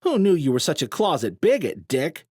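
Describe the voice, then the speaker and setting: A man's voice: mid-range voice, sing-song, unhurried, slightly rough, dry recording, clean studio sound, pitched above the performer's own voice. A man voicing a brash young male fighter with a wisecracking way of talking. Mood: mocking.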